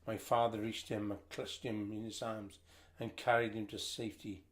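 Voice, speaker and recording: A man's voice: on the low side, level tone, normal speed. Older man reading a family memoir. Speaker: family history reader.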